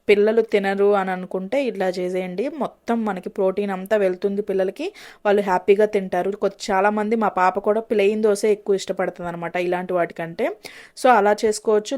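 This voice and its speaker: A young mother walks viewers through a home recipe in a relaxed, chatty voice. She keeps checking in with the audience as she goes and drops English kitchen words into her sentences. Her voice sits at an ordinary middle pitch. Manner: chatty, often checks in with "okay?"; mixes English cooking words into her talk. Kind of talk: casual recipe walkthrough.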